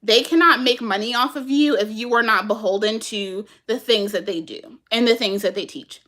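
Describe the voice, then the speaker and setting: Woman vlogger, kinda high voice, chatting w her viewers, laughs a lot, super animated. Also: normal speed. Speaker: vlogger answering viewer comments. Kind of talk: casual chat with viewers.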